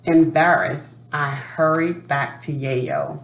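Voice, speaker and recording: Her voice sits low as she presents a picture book to children, storytelling expressively, talking to them directly and pausing after questions. The room sounds spacious, with a little background noise.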